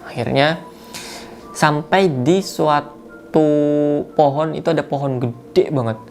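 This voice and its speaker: A man's voice: a little high, slow pace, creaky, soft background music. Chatty man retelling a horror story. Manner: chatty, full of slang fillers and self-corrections. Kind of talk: casual storytelling.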